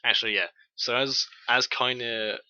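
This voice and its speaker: A man's voice: mid-range voice, steady tone, a little slow, sharp tone, dry recording, dull audio. A man narrating a tabletop game as game master, hesitant and full of filler sounds.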